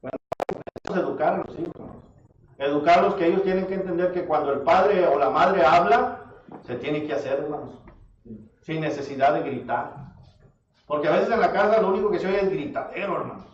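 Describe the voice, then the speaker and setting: A high-pitched man preaches, throwing rhetorical questions at his congregation. He sounds distant from the mic, in a roomy church, on a dull recording with faint hiss. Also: fairly quick. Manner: addresses listeners as brother, asks rhetorical questions. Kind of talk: sermon. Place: church hall. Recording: echoey church audio from far off, dull and slightly noisy.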